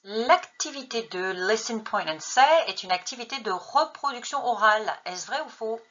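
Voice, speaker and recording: A woman's voice: fairly high pitch, expressive, normal speed, fairly bright tone, muffled recording. A woman teacher trainer narrating a lesson, posing true-or-false questions and then answering them. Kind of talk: narrated lesson on an English textbook.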